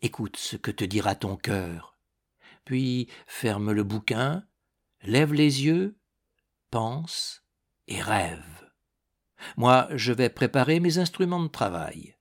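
Peintre d'âge mûr, troublé, voix douce et hésitante, grave et lente, lu par un homme. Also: male voice, mid-range voice, very animated, slow pace, pauses often, heavily acted. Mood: tender. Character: troubled middle-aged male painter, gentle.

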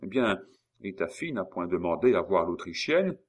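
A man's voice: sits low, big pitch swings, normal speed, slightly rough, heavily acted. A man voicing a stern, suspicious young male officer who gives firm commands. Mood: interrogating.

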